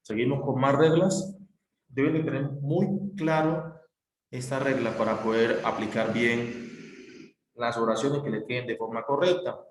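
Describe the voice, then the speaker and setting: A man's voice: medium pitch, unhurried, a little hiss or hum. A man teaching a grammar lesson, patient and repetitive, spelling out letters one by one. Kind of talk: recorded classroom explanation. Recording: echoey room.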